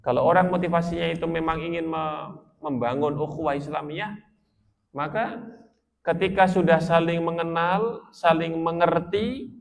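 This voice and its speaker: Slight background noise accompanies a man with a somewhat high, gravelly voice who talks at normal speed with long pauses. He is an Islamic preacher from Magelang, Central Java, with a Central Javanese accent, giving a joking, conversational sermon to villagers and questioning the audience.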